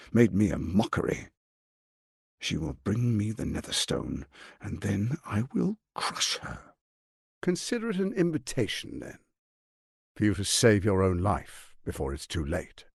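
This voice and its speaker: Smug and silky, a fantasy video game's scheming tyrant lord speaks with a silver tongue, his creaky voice carrying a breathy edge and big, dramatic pitch swings. He lingers over every word at a slow pace, pompous, menacing and theatrically emphatic. The performance is heavily acted and the recording is dry and close.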